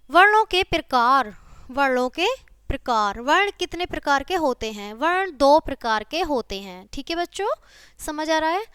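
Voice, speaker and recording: High-voiced woman teaching young children. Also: a bit bright, no room sound, clean studio sound. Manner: patient, keeps checking the children understand; spells out sounds slowly one by one. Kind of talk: classroom video lesson for children.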